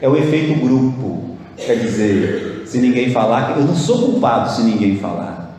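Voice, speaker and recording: A man's voice: medium pitch, very animated, moderate pace, mellow. A Brazilian man preaching a sermon as pastor, talking to the congregation in a conversational way and asking rhetorical questions. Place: church hall. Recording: echoey church hall with long reverb.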